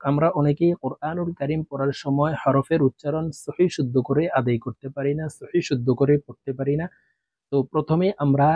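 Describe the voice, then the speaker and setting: A man teaching Arabic letters for Quran reading, explaining each sound and then chanting the letter names long and slow for students to repeat. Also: a little high, warm tone, slightly rough, no echo, dull audio. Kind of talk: recitation lesson.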